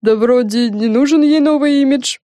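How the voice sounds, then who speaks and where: A woman voicing a gentle female witch doctor enchanted into a mouse, in a storybook reading. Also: sits high, moderate pace, dry recording, clean studio sound, pitched above the performer's own voice, close to an everyday voice.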